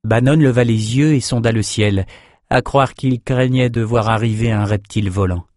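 A man narrating a fantasy audiobook in an even, measured reading. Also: medium pitch, dry recording, clean studio sound.

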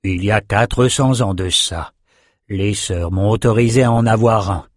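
A man's voice: fairly low pitch, unhurried, no echo, studio quality. A man voicing a wry, rambling old wizard in an audiobook. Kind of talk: audiobook character voice.

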